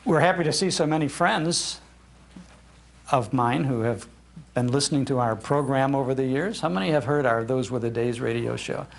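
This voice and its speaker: An older male radio host with a gravelly, mid-range voice gives an informal live talk at a moderate pace, chatty and anecdotal, telling stories into an event microphone. He is speaking live in a room at a public library.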